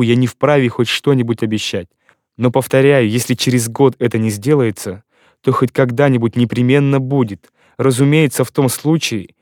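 A man's voice: mid-range voice, darkish tone, dry recording, studio quality, close to an everyday voice. A man voicing a poor young man who speaks earnestly and solemnly through tears, in a classic audiobook.

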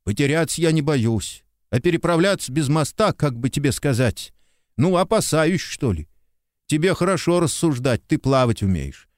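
A man giving voice to a nervous, talkative soldier, spinning yarns and whining softly. His pitch jumps about with animation. The recording is dry and close. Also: expressive, normal speed, dry recording, close to an everyday voice. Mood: plaintive. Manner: rambling storyteller, apologetic and plaintive. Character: chatty timid male soldier, talkative and guilty. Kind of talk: audiobook character reading.

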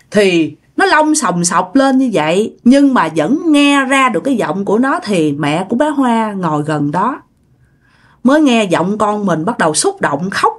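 A woman telling a ghost story in a casual, chatty way, often speaking to her listeners directly. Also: medium pitch.

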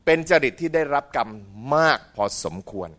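A middle-aged man giving a humorous dharma talk in a school hall. He is animated, mimics voices for comic effect and keeps asking the audience questions. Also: a little high, normal speed. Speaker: Buddhist lecturer.

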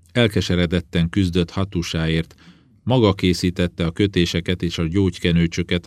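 A man narrating an audiobook in a calm, even reading voice. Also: low voice, dry recording, studio quality. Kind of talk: scripted narration.

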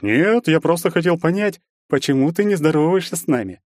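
A man voicing an arrogant young male aristocrat who bullies and taunts, hissing and mocking, rising to a shrill pitch when outraged. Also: sing-song, a little fast, darkish tone, dry recording, studio quality. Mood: sneering.

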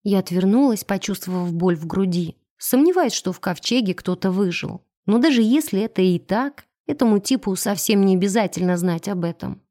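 A woman narrating a first-person audiobook in an even storytelling delivery. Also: medium pitch, normal speed, few pauses.

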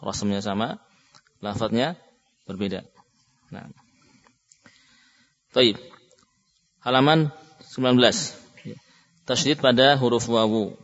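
A man teaching Quran recitation to a class. He chants example words slowly for the students to repeat, then explains patiently with frequent "ya" and "nah". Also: mid-range voice. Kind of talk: classroom instruction with call-and-repeat. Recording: dull lo-fi recording in a reverberant hall.

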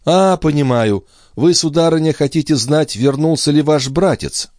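A man's voice: on the high side, normal speed, darkish tone, no echo, studio quality, voice pushed up, close to an everyday voice. Man voicing eager little maidservant. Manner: eager, servile. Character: fussy, kindly young maidservant.

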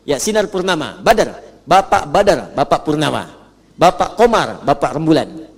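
A man teaching Quran recitation to a live audience, drawing out the Arabic words slowly, then explaining in brisk everyday talk and getting the audience to repeat after him. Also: a little high, sing-song. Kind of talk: religious lesson. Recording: reverberant hall.

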